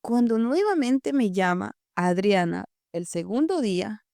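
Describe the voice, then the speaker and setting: A young Ecuadorian woman tells her testimony on a podcast, bringing the story to life by acting out the voices of her family. Her voice has a gravelly edge. The sound is dry and close on a studio mic. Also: medium pitch, very animated, measured pace, a little mellow, dry recording. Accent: Ecuadorian Spanish. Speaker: guest giving a testimony.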